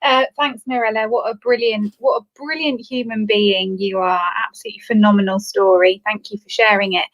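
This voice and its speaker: A woman's voice: mid-range voice, steady tone, a little fast, hardly any pauses, dull audio. A woman audience member putting a question in a live talk, in a conversational style.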